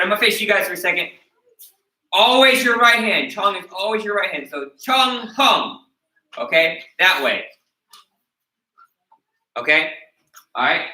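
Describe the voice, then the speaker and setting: Teaching a taekwondo class, an American instructor explains things and follows each point with "okay?" to check on his students. He sounds high-pitched, pushed and bright, recorded at a distance in a room full of echo.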